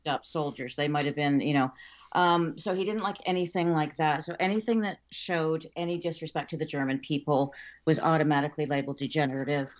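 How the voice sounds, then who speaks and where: A woman's voice: low-pitched, brisk. A woman speaking as an expert guest in a casual interview. She explains at length, with frequent ums and restarts. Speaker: guest expert on art crime. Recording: slightly dull lo-fi audio.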